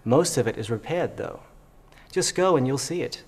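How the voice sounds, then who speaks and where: A man's voice: medium pitch, animated, moderate pace, breathy edge. An actor playing a helpful local man giving directions in a scripted dialogue. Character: helpful male local guide.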